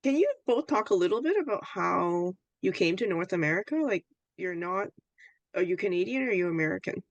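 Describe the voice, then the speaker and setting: A woman's voice: lowish voice, animated, fairly quick, no echo, lo-fi sound. A woman hosting a podcast, asking questions in a casual, slightly hesitant way. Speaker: podcast host. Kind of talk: podcast interview.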